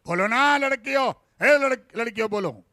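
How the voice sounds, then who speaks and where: A man's voice: very high voice, lively intonation, moderate pace, bright, forceful tone, dry recording, studio quality. A man from India preaching a fervent sermon in church, calling on the congregation to repeat phrases back to him and dropping "Praise the Lord" between his points. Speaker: pastor.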